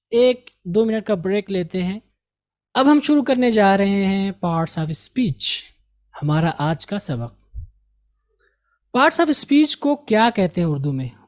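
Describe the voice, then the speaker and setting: Male teacher from India; slow, measured delivery; repeats model sentences for pronunciation practice. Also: high voice, a little mellow. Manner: repeats example sentences slowly and carefully, correcting pronunciation. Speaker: English teacher. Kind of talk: recorded language lesson.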